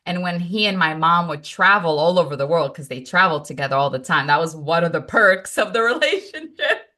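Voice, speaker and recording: Telling a family tale on a podcast she co-hosts, this woman from Morocco, a native Moroccan Arabic speaker, chats casually with lots of energy, emphasis, and laughter. Her voice is lowish and her delivery brisk.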